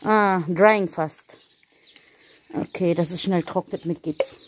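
Taking things slowly in a lowish voice, a woman chats her way through a casual vlog on a village farm. She coaxes the animals and moves between German, English and Arabic.

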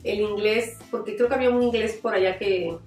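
In an echoey room with a distant mic and faint music, a middle-aged mother of a former camp participant gives heartfelt, reflective interview testimony, frequently restarting her sentences. Her medium-pitched voice is steady, brisk, and darkish.

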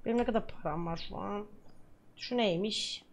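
A young woman commentating while she plays a game, chatting to herself and breaking into loud swearing shouts. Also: medium pitch, moderate pace, a little hiss or hum. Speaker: gaming streamer.

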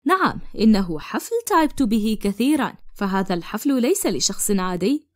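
A woman voicing an earnest young man in love in an animated cartoon. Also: medium pitch, a little fast, no room sound, clean studio sound, close to an everyday voice. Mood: warm. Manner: earnest, pleading. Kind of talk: cartoon dubbing in formal Arabic.

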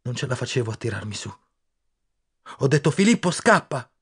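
Male audiobook narrator with a husky, mid-pitched voice and a steady, measured read. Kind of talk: first-person audiobook narration.

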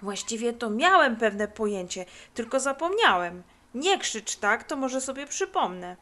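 A woman voicing a lazy, dreamy boy who talks slowly and sleepily. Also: on the high side, lively intonation, bright, forceful tone. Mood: sleepy drawl.

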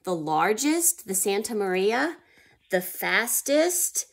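Speaking slowly in a sing-song, medium-pitched voice with vocal fry, a woman teaches history to young children by reading aloud. She poses questions and answers them herself, and whispers when the story gets suspenseful.

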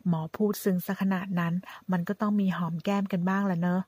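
A woman reading a romance story aloud as narrator, in steady, plain storytelling. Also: mid-range voice, brisk, breathy edge.

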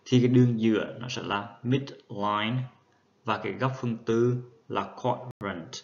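A man's voice: fairly low pitch, steady tone, measured pace, vocal fry. A man giving a methodical, patient lecture on dental terminology, spelling out each term step by step. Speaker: dental instructor. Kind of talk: explanatory lecture. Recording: dull lo-fi recording.

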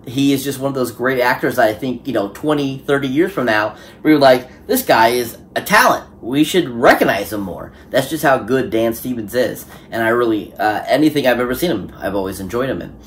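Male reviewer, mid-pitched voice, gushing and rambling, casual. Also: lively intonation, a little fast, hardly any pauses, slight background noise. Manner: enthusiastic, rambling with many fillers. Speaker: movie reviewer. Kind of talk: casual spoken film review.

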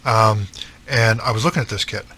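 A man's voice: on the low side, moderate pace, sharp tone, slight background noise. A middle-aged man with an East Coast Canadian accent, chatting casually and rambling about his hobby with many ums and self-deprecating asides. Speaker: scale modelling channel host. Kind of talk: casual chat.

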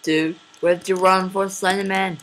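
A woman giving casual commentary over a game she is playing, excitable, often repeating words and laughing. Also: mid-range voice, unhurried, a little hiss or hum.

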